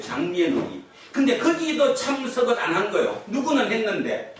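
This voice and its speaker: A man's voice: high voice, a bit bright, a little hiss or hum. A male pastor preaching a Sunday sermon in a conversational way, often putting questions to the congregation. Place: church sanctuary. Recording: echoey hall from far off.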